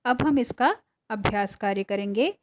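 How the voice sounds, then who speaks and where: A woman teacher explaining a lesson, reading words out slowly and carefully. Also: medium pitch, noisy background. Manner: slow, careful, reads words aloud one by one.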